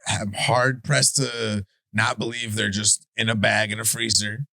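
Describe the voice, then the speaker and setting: A man with a Chicago accent co-hosting a podcast in casual debate chat, animated and profane, stumbling and restarting his sentences. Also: lowish voice, a little slow, no room sound. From Chicago area. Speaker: podcast co-host.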